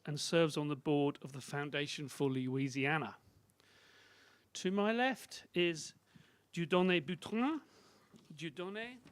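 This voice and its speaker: Guy moderating a conference panel, kinda high voice, dry close mic, reads out titles formally w/ little ums. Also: a bit bright, dry recording. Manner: formal, reads out titles with small pauses and fillers. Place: conference breakout room.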